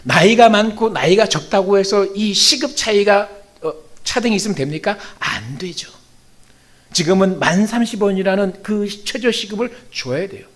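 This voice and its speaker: A male pastor with a fairly high voice preaching in a lively, storytelling manner. He talks to the congregation conversationally, often pausing on "uh" and posing rhetorical questions that he answers himself. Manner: animated, conversational, many "uh" fillers and rhetorical questions. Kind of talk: storytelling sermon.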